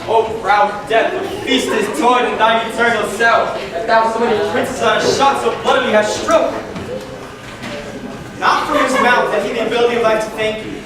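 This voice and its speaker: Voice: medium pitch, fairly even intonation, moderate pace, a loud crowd, natural voice. A student actor playing a prince's grieving loyal young friend, declaiming Shakespeare on an amateur stage. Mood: solemn, indignant. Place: school theater stage, recorded from audience. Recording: distant, echoey hall recording, clear noise.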